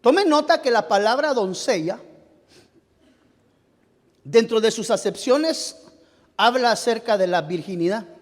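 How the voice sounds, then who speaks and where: A male pastor with a high voice and a Guatemalan Spanish accent delivers a sermon from the pulpit. He talks in halting bursts, restarting phrases as he hunts for words. His voice rings with the long reverb of a church hall. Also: expressive. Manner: addresses listeners directly as beloved brother. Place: church sanctuary.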